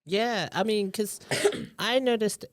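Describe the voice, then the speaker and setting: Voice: medium pitch, takes it slowly, dry recording. A podcast co-host in casual chat who talks in a thoughtful, hesitant way with many fillers. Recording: dry close recording.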